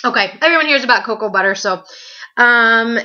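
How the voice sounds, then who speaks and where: A woman's voice: a little high, lively intonation, fairly quick, pushed and bright, lo-fi sound. A pregnant young woman chatting to camera in a casual home vlog, upbeat, with plenty of fillers. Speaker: vlogger.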